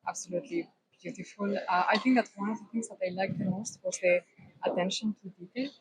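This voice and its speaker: A woman from northern Spain, giving thoughtful, measured answers as a tourist in a street interview. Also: medium pitch, noisy background.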